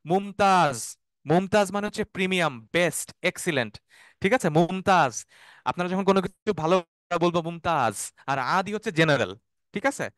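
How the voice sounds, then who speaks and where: A man teaching an online Arabic class, explaining terms slowly, repeating them and checking often that students follow. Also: high-pitched, lively intonation, a bit bright, no echo, clean studio sound. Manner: has students repeat words after him.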